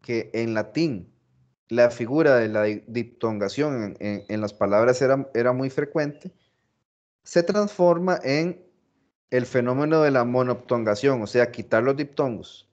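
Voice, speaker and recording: A man teaching a philology class, explaining slowly, repeating phrases and stressing example words. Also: medium pitch, darkish tone, highs cut off. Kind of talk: recorded class lecture.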